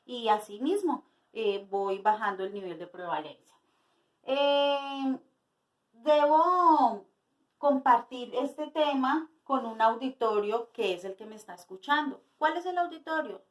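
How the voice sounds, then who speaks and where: Young adult woman teacher, fairly high voice, patient lesson delivery with questions to the class. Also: expressive, poor audio. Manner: slow explanatory teaching with rhetorical questions. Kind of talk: spoken lesson for students.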